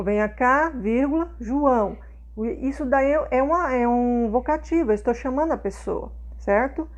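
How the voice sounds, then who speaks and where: A woman's voice: on the high side, a little mellow, lo-fi sound. A woman teacher explains a lesson to young students, patiently repeating points and checking understanding.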